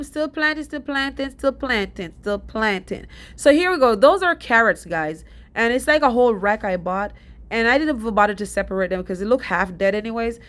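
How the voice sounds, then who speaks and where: Chatty Jamaican woman, stuffy and breathless. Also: medium pitch. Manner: chatty, rambling and fast-talking. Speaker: DIY gardening vlogger. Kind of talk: casual voice-over vlog.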